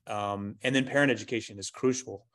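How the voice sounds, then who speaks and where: A low-voiced man speaks in a fairly monotone way over a video call, and the sound is dry and close. He leads a school and works through his ideas one after another, leaning on "you know" and "um" as he goes. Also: brisk, dry recording. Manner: rambling, lists ideas with many fillers. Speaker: school leader. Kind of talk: panel discussion on a video call. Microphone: webcam on a video call.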